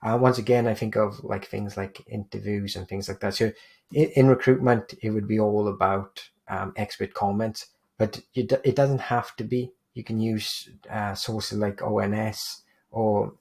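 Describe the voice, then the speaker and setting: A man with a low, gravelly and slightly husky voice talks through a screen-share tutorial. He explains step by step as he points out examples on screen. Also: steady tone, normal speed, a little mellow. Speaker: digital PR agency presenter.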